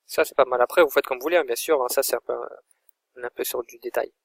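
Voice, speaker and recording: A man in an informal, think-aloud software tutorial, talking his viewers through each click as he goes. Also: medium pitch, steady tone, fast, gravelly, no echo. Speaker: online course instructor. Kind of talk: screen-recorded software tutorial.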